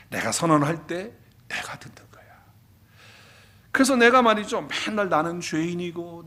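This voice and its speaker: A man preaching a Sunday sermon as pastor, asking the congregation questions and moving between loud declarations and soft, near-whispered asides. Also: high-pitched, breathy edge. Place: church sanctuary.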